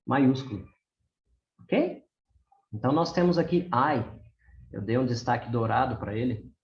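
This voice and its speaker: A man's voice: mid-range voice, darkish tone. A man teaching beginners at home, who patiently explains grammar and keeps checking in with his class. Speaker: English teacher. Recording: roomy, slightly dull recording.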